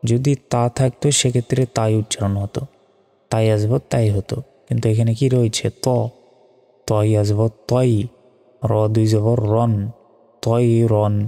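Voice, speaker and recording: A man teaching Quran recitation step by step. He spells out Arabic syllables slowly and patiently, and chants the verses slowly and melodically. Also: medium pitch, flat delivery, dark tone, big-room sound.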